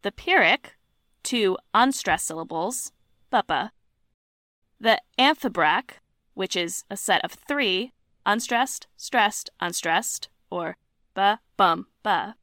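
Woman co-host, mid pitch, playful scripted read, dry studio sound. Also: animated, slow pace, bright, forceful tone, no room sound. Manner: playful, sounds out rhythms aloud. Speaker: podcast co-host. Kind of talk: scripted explainer narration.

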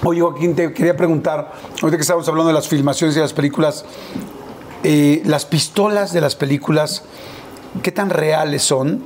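A man hosting an interview, asking quick, friendly follow-up questions. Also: on the high side, steady tone, darkish tone, a little hiss or hum. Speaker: interviewer, host. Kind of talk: casual interview.

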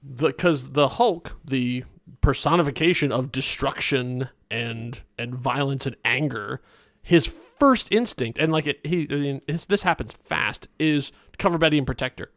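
Guy cohosting a movie podcast, animated, laughs a lot, dry close mic. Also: mid-range voice, normal speed, dry recording. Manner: animated, laughs often, many restarts. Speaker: podcast co-host. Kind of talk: casual film-discussion chat.

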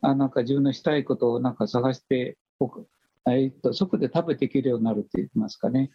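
An older man with a hoarse, raspy voice, earnestly giving conversational life advice and circling back over his key phrases. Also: medium pitch, quick pace, dry recording, muffled recording. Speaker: teacher and author, podcast guest speaker.

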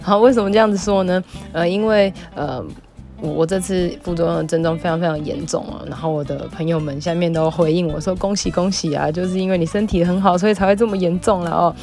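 A woman's voice: fairly low pitch, fast talker, creaky, soft background music. A young woman, a psychologist hosting her own show and chatting through a personal story with lots of fillers. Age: young adult. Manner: chatty, animated retelling with many fillers. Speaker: podcast host, psychologist. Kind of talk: casual storytelling monologue.

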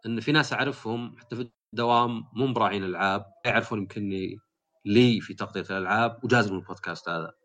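Fast-talking bright-voiced man. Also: fairly low pitch. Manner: animated storytelling. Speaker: podcast host. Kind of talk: casual podcast chat.

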